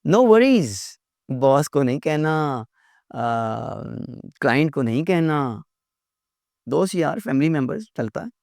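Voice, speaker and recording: A man's voice: mid-range voice, measured pace, gravelly, pauses often, a little mellow, no echo, studio quality. A middle-aged man teaching an English lesson, earnest and repeating words to drill them in.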